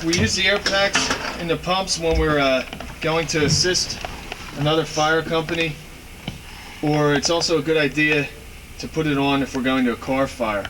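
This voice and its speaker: A heavily reverberant, noisy recording of a man giving a fire training demonstration. His voice sits a little high and somewhat away from the mic. He explains each step plainly, as an instructor does. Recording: echoey, reverberant, distant mic, noisy background.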